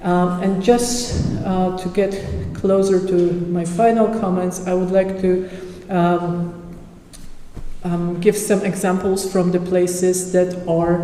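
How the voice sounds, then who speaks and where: A conference speaker giving an academic presentation with slides, halting and full of pauses and fillers. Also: medium pitch, flat delivery, dark tone, a little hiss or hum. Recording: echoey hall with long reverb.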